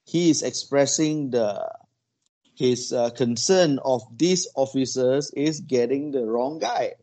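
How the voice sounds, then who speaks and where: A man with a dark-toned, middle-pitched voice recounts a story for a few listeners. His delivery is halting and chatty, full of restarted phrases and "you know" fillers.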